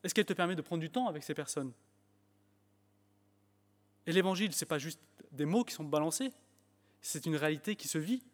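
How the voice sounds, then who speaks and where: A man with a slightly high voice preaches in French with an English accent, sounding animated and fairly quick yet pausing at length. He gets emphatic at times and restarts phrases with fillers, and a church hall lends the recording a long reverb.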